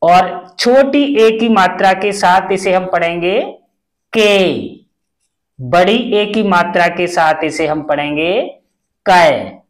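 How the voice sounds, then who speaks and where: A man teaching Hindi letters, reciting each syllable slowly and clearly as a classroom drill. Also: high voice. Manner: drawn-out syllable-by-syllable pronunciation drills.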